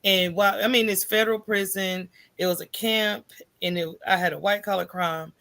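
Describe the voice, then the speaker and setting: With a gravelly, medium-pitched voice at a moderate pace, an American woman tells candid stories as a podcast guest. She acts out dialogue from memory with animation and often asks "right?" to check in with her listener.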